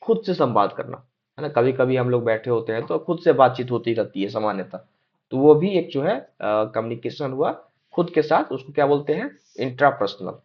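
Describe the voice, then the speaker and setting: Reading out points for exam preparation, this young lecturer speaks at a moderate pace in an expressive, medium-pitched voice, with occasional hesitant fillers. He often repeats check-ins such as "है ना?" and "ठीक है?", and the lo-fi audio sounds a bit dull.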